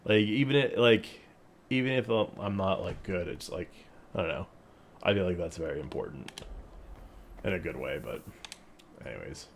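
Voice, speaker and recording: Low-voiced laid-back bro, streaming a game. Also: male voice, normal speed, long pauses, a little hiss or hum. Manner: laid-back bro talk, slangy and profane. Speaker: teacher. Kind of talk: casual live stream chat while gaming.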